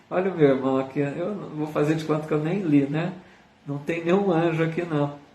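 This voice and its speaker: A man's voice: a little high, a little fast, darkish tone. A man with a Brazilian Portuguese accent leading a live online Spiritist study, teaching earnestly with frequent tag questions and reading viewer comments aloud. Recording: roomy sound, speaker far from the mic.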